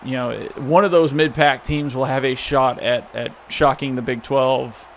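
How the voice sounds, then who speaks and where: A man's voice: medium pitch, steady tone, moderate pace, crowd noise. A man hosting a gaming channel, casually rambling over the gameplay with lots of fillers and self-mocking asides.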